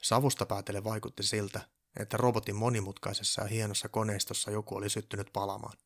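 A man calmly reading a children's story aloud as a storyteller. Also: on the low side. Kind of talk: storybook narration.

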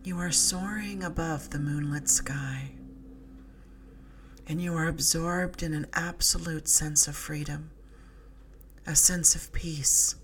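A woman narrates a sleep story in a low, breathy voice. She moves very slowly through a guided relaxation, soothing and hushed, letting phrases fade softly toward a whisper. Music with a gentle drum beat plays clearly behind her. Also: steady tone. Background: slow music with drum beat.

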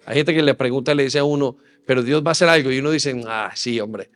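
A man's voice: on the high side, steady tone, fast talker, a bit bright, in a large hall. A man preaching a sermon as pastor, earnestly addressing his listeners with direct questions. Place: church hall.

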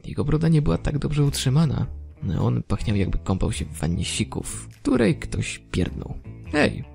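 A man narrating a horror story in a dry, deadpan manner. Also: medium pitch, moderate pace, vocal fry, faint music behind.

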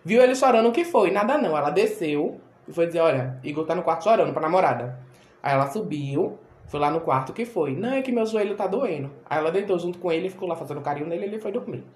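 Woman podcast host, lively storyteller who mimics voices; roomy echo on the recording. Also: fairly low pitch, fast talker. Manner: animated, acts out quoted voices. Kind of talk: casual storytelling chat.

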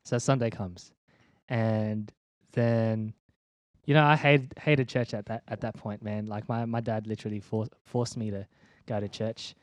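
A man's voice: fairly low pitch, flat delivery, measured pace, no room sound. A young man giving a personal faith testimony in an interview, laid-back and slangy, with many ums and restarts. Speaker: interview guest, church leader.

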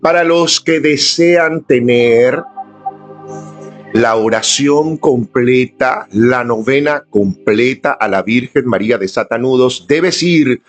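A man's voice: mid-range voice, slow, soft background music. A man leading a live-streamed devotional prayer, speaking earnestly and inviting his viewers to join in. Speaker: prayer leader. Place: indoors at home, filming on a camera.

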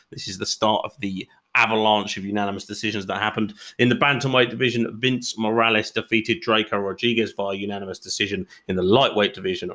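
A man's voice: fairly low pitch, sharp tone. A man hosting a combat sports podcast, chatting in an opinionated way with frequent ums and uhs. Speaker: podcast host.

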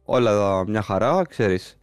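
A man's voice: lowish voice, smooth, no room sound, studio quality. Greek podcast host, man, over music. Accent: Greek, from Greece. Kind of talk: casual chat.

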